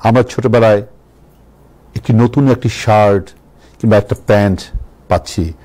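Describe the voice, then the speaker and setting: A man's voice: on the low side, normal speed, warm tone. A middle-aged man with a Bangladeshi accent, a talk show guest speaking reflectively and repeating phrases for emphasis. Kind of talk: reflective reminiscing in conversation.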